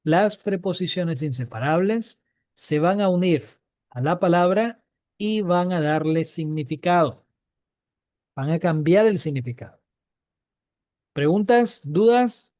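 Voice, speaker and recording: A man with a mellow, darker tone teaches Biblical Hebrew, repeating each point and checking in with his students. His voice sits a little high for a man, on a dry recording with no room around it. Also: expressive, a little slow, long pauses, dry recording. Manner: repeats key points, asks students questions. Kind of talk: online class lesson.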